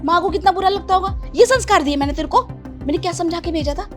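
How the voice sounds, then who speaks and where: A woman playing a meddlesome, sharp-tongued mother who scolds and taunts her daughter. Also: very high voice, fast, music in the background. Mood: scolding. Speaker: mother-in-law character. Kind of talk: family drama acting.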